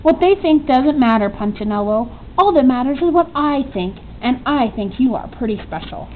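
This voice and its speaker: A woman voicing a kindly, patient male woodcarver in a storybook, speaking gently and deliberately. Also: sits high, lively intonation. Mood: reassuring, fond. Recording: tinny narrow-band audio, faint noise.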